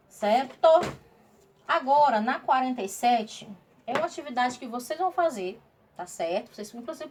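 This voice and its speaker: A woman teaching primary school Portuguese in a remote class, patiently walking through workbook exercises and checking in with the pupils. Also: high voice. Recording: distant mic, faint room noise.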